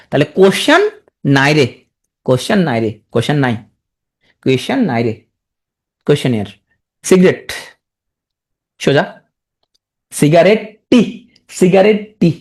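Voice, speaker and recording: A teacher at a middling pitch gives a spelling lesson to a large class. The voice rises and falls with lively, animated intonation. Words get sounded out slowly and repeated, with joking asides in between.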